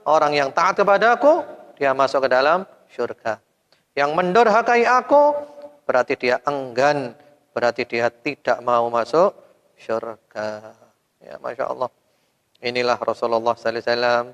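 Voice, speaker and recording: A man preaching a sermon to a women's study group, at an ordinary middle pitch. He keeps firing rhetorical questions at the audience, jumping up loud, then dropping to soft, trailing endings. His voice rings with a long hall reverb. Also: normal speed, pauses often, smooth, lo-fi sound. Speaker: Islamic preacher.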